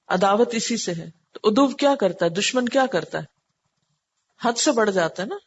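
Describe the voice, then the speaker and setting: A woman's voice: mid-range voice, darkish tone, slightly rough. Woman teaching scripture word by word. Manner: asks the class rhetorical questions and answers them; patient, explanatory teaching tone. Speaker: Quran teacher. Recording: dull lo-fi with faint hiss.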